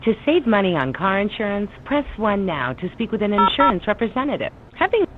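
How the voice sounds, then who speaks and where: A woman's voice: medium pitch, big pitch swings, brisk. A woman's recorded automated phone message, reading a scripted telemarketing prompt in a polite, upbeat sales manner over a phone line. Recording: tinny phone line with faint hiss.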